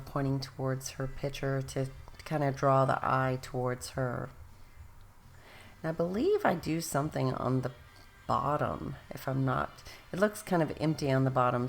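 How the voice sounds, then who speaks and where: With an extremely low, gravelly voice, a woman host rambles chattily through her scrapbooking process, often correcting herself. She's losing her voice and straining it, and a faint hiss or hum sits under the recording.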